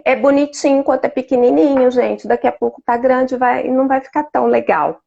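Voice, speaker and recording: Guest expert, woman, slightly high, gravelly, calm explainer; dull lo-fi audio. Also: fairly quick. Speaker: speech therapist guest. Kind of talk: live-stream talk. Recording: dull lo-fi sound.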